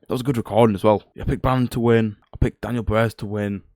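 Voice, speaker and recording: Young roadman guy doing fight picks, talks quick, lowish voice, sweary and fed up. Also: dry recording, clean studio sound. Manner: flat, low-energy, grumbling. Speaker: MMA prediction video host. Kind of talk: casual fight commentary.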